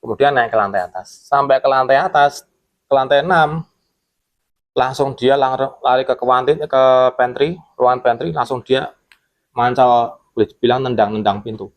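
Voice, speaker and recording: A man's voice: mid-range voice, normal speed. A man, a former security guard telling a ghost story in a casual podcast chat and acting out his coworkers' words. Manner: animated, acts out quotes from coworkers.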